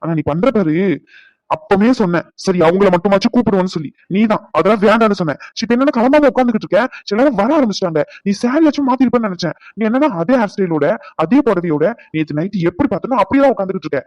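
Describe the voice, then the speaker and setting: A man's voice: high-pitched, fast, no echo, highs cut off, lightly acted. A man voicing a stressed young husband in a cartoon, scolding his wife in long rants. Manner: scolding rants, softening into comfort. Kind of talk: cartoon voice acting.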